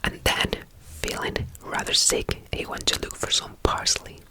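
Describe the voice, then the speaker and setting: Soft whispering ASMR caretaker. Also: measured pace. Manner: whispered, soft and soothing, with gentle repeated phrases. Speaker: ASMR roleplayer. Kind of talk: ASMR caretaker roleplay with a bedtime story reading.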